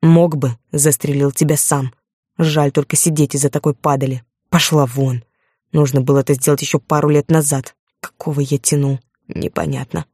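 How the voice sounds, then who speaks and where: Woman doing a cold curt husband, low dark voice, audiobook, dry. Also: little pitch movement, moderate pace, slightly rough, no room sound. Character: cold, contemptuous grown man, curt and commanding.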